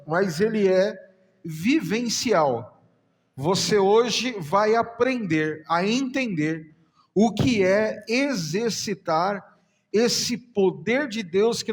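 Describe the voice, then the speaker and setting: Animated Brazilian bishop in a reverberant church hall. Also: male voice, sits high. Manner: animated, acts out voices in his stories. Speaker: bishop preaching. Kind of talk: sermon with storytelling.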